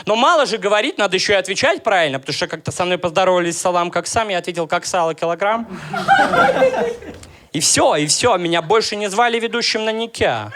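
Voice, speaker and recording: A man in his thirties from Russia works through a stand-up set, dry and ironic, chatting with the crowd between jokes. His voice sits fairly high for a man. The live club recording carries clear background noise. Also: expressive, fast. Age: 30s. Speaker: stand-up comedian.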